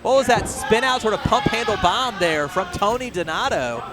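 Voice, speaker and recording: A man doing live pro wrestling play-by-play commentary, excited and emphatic, raising his voice to a shout on big moves. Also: high-pitched, moderate pace. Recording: loud crowd and music behind. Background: live event crowd and music.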